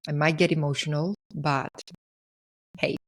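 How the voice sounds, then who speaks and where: Low-voiced woman from Argentina hosting a podcast. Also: steady tone, unhurried. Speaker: podcast host. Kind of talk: personal storytelling monologue.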